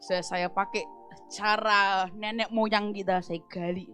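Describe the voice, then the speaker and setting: A woman pastor preaching at a church service, telling a lively personal story, acting out the dialogue and laughing often. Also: medium pitch, takes it slowly, faint music behind. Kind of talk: storytelling sermon.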